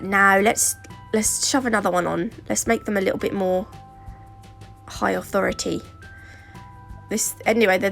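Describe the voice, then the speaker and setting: A British woman with a sore throat and stuffy nose chats casually through a nail tutorial, rambling with fillers and asides. Her voice is mid-range with vocal fry, in the style of laid-back how-to narration.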